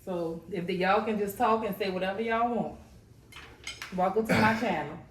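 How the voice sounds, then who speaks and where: New mom hosting a family meal. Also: female voice, medium pitch, moderate pace, recorded from a distance. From New Orleans. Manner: relaxed, chatty, prompts her family. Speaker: host, mother. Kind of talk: casual family mukbang chat. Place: home dining table. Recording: echoey room, from off mic, faint noise.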